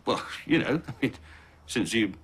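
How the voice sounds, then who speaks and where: A man's voice: medium pitch, animated, moderate pace, a bit bright, breathy edge. A man who talks in a sarcastic, exasperated way, jumping between moods. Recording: noisy background.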